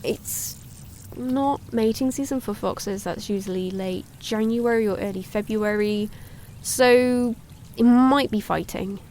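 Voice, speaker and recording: An actress playing a cheerful young woman hosting a woodland wildlife livestream, chatty and excitable. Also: mid-range voice, slow, a little hiss or hum. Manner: chatty, excitable, gasps at sightings. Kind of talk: audio drama, chatty live-stream narration.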